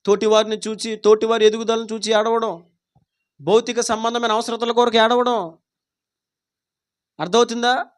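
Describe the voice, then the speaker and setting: A man's voice: extremely high pitch, flat delivery, normal speed, pauses often, clean tone. A man preaching a Sunday worship sermon in church. He speaks fervently and puts many rhetorical questions to the congregation. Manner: acts out quoted pleas dramatically. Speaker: pastor. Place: church service.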